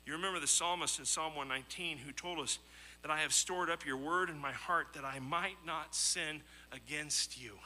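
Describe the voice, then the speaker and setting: A man preaches a sermon in a slightly high voice at normal speed, bright and forceful. Earnest and emphatic, he reads scripture, tells illustrative stories, and uses rhetorical questions and repetition.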